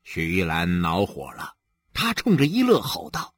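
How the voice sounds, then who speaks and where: A man narrating a novel aloud in an animated storytelling manner. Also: deep voice, normal speed, dry recording, studio quality. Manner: animated storytelling, many voices. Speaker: audiobook narrator. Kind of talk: expressive literary narration.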